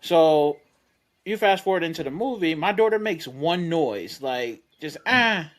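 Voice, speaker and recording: A man in his thirties on a podcast panel, telling a profane story with lively energy and acting out the other people's lines. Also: fairly high pitch, a little slow. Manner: animated storyteller, profane, acts out quotes. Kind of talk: casual storytelling chat.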